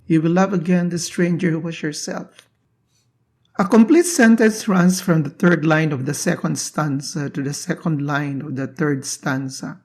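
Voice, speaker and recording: Slow, measured poetry teacher. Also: medium pitch, darkish tone. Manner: measured, deliberate, with long pauses between phrases. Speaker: poetry teacher and channel host. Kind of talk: slow explanatory lesson on a poem.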